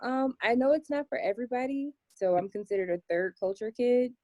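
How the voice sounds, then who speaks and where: A young American woman answering interview questions in a relaxed chat, with plenty of "um" and "like". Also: a little high, fairly quick, no echo, lo-fi sound. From United States. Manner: chatty, many "um" and "like" fillers. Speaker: interview guest. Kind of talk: casual interview.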